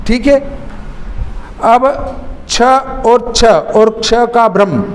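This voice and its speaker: A man teaching a spelling lesson, slowly and deliberately spelling out words one by one. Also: very high voice, expressive. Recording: long reverb, faint noise.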